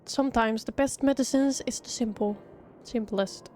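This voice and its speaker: A woman's voice: on the high side, moderate pace, dark tone, close to an everyday voice. A woman streamer voicing a kindly village tea brewer, speaking politely in a formal, old-fashioned way, with faint violin music behind. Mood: gentle.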